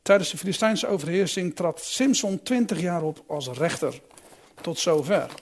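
A man's voice: high voice, lively intonation, moderate pace. A man reading a Bible passage aloud and then explaining it in a musing, conversational way with a few restarts.

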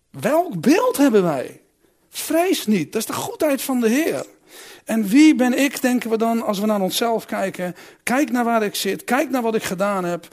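Delivering a sermon in a high-pitched voice, this man questions his audience directly. His tone alternates from forceful, loud appeals to soft, thoughtful asides.

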